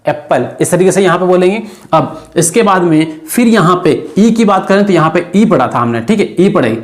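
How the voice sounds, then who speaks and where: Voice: medium pitch, darkish tone. Patient teacher drilling pronunciation. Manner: patient, drills pronunciation with repeated "okay" checks; asks questions then answers them. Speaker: online exam-prep English teacher. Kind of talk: recorded video lesson.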